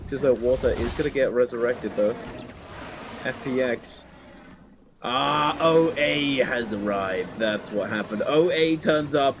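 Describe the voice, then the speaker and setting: A man commentating live on a gaming tournament in an excitable, theatrical way, moving between calm calls and exclamations. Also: medium pitch, measured pace, noisy background. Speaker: esports commentator.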